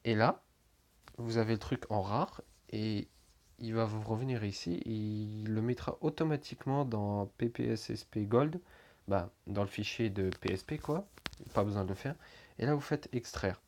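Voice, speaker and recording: Young guy, lowish voice, laid-back how-to narration, rambling and full of filler words, swears now and then. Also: moderate pace, darkish tone. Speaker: tutorial maker. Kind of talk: casual screen-recording tutorial.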